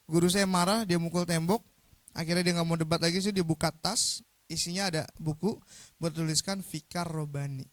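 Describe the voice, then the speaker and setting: A young man giving a motivational talk, telling a story in an animated, jokey way and often putting questions to his audience. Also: fairly high pitch, a little fast, no echo. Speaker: motivational speaker.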